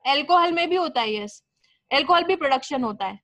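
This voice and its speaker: A woman's voice: sits high, animated, a little fast, fairly bright tone, no room sound. A young woman teaching a biology class, explaining step by step and answering her own questions. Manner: mixes English terms into Hindi. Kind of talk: classroom lecture.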